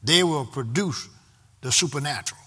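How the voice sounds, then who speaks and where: A man's voice: medium pitch, animated, moderate pace, pushed and bright, slightly rough. A man preaching a sermon, in rhythmic repeated refrains that build in intensity. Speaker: pastor.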